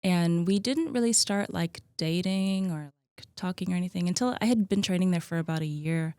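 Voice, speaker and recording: A relaxed woman in her mid-thirties chats about herself in a loose, friendly way, her speech full of "like" and "um". Her voice sits a little low for a woman. The sound is dry and close, with no room echo. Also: a little fast, clean tone. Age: 30s. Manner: chatty, relaxed, many likes and ums. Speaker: podcast guest, gym co-owner. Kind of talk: casual conversational interview.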